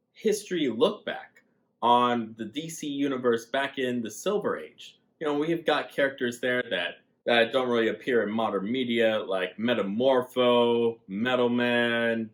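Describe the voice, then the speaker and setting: A man talking casually and enthusiastically in a comic book review vlog, often saying "like". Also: mid-range voice. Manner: enthusiastic, gushing, says "like" often.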